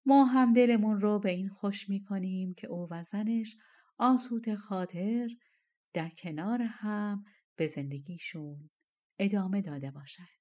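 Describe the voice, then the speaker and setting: A woman reading a fairy tale audiobook aloud, lively and raising her voice for the quoted lines. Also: mid-range voice, dull audio. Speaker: audiobook narrator. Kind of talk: storybook narration with voiced dialogue.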